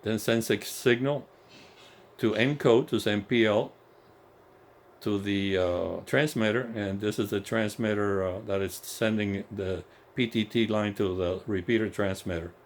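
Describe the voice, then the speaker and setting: A man's voice: fairly low pitch, unhurried. A man who is not a native English speaker gives an informal, enthusiastic, explanatory hands-on technical walkthrough as a radio technician. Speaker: radio technician demonstrating repeater equipment. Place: indoor home electronics workshop. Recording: clear background noise, workshop ambience.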